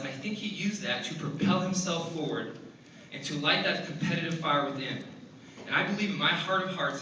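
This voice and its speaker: A man's voice: on the high side, sharp tone. A man, a former teammate, telling funny stories in a hall of fame speech and chuckling often as he goes. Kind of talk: humorous speech with anecdotes. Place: large hall at an induction event. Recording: echoey hall, voice from far off.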